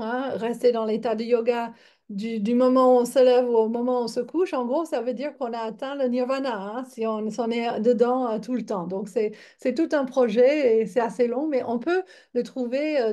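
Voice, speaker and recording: A woman in her fifties, from Michigan, gives a relaxed online yoga lecture. Her voice sits a little high yet sounds warm and mellow. She talks in a chatty, halting way, full of fillers and restarts. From Michigan, United States. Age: 50s. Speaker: yoga teacher.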